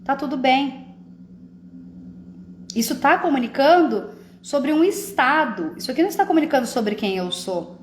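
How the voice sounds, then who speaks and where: A woman's voice: high voice, expressive, moderate pace, long pauses, slight background noise. Woman chatting in an echoey room. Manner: conversational, often asks "entende?". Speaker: live stream host. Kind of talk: casual talk on emotions.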